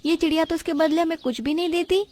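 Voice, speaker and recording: A woman's voice: very high voice, fairly even intonation, fast, darkish tone, a little hiss or hum. A woman voicing the curious young daughter of a poor vegetable seller, in a childlike, chatty way.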